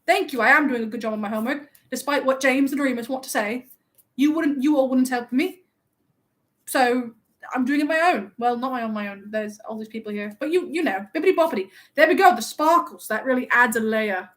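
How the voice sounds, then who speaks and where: Vain young male wizard played by a woman, high voice, playful, teasing, mock-offended, live-stream role-play host. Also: fairly quick, natural voice. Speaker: livestream host.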